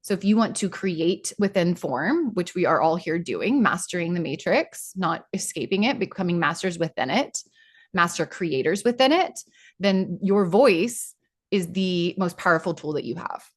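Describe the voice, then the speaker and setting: A woman leading an online spiritual workshop, talking in a chatty, excitable way with many restarts, over a video call. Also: on the low side, normal speed. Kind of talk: informal spiritual teaching talk.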